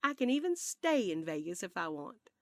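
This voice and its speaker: A woman voicing a spirited, sweet elderly grandmother with a Southern accent, speaking in a lively, drawn-out, sing-song way. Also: fairly low pitch, no room sound, studio quality. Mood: cheerful. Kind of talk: audiobook character voice.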